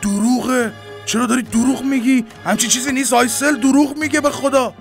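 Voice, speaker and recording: A man's voice: extremely high pitch, fairly even intonation, vocal fry, over music. A man dubbing a middle-aged husband with a sore throat, defensive and exasperated under accusation. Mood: indignant. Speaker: husband in family drama. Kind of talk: Persian dub of a TV drama.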